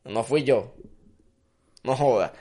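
A man's voice: medium pitch, slow. A young man with a Venezuelan accent, co-hosting a casual podcast chat, joking and crude. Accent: Venezuelan Spanish. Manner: joking, crude, animated storytelling. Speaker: podcast co-host. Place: living in Madrid.

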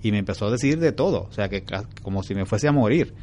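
A man speaks as an interview guest, in a calm, frank and reflective way. He tells his story in a relaxed conversational manner. A faint hiss sits under his voice. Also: lowish voice, fast. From Venezuela.

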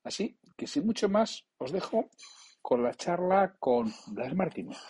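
A man hosting a business podcast, introducing the show and interviewing a guest in a chatty, lively way. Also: high voice, unhurried, slightly rough. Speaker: podcast host.

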